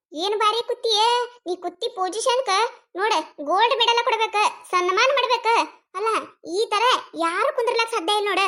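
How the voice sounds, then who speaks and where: Woman voicing a shrill, quarrelsome village wife. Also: fairly bright tone. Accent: North Karnataka Kannada. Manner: shrill scolding, wailing and mocking. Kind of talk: cartoon comedy voice acting.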